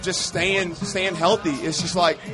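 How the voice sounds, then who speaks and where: Energetic rambling man over music. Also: sits high, a little slow. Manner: energetic, rambling run-on lists. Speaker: guest athlete and coach. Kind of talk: casual interview talk.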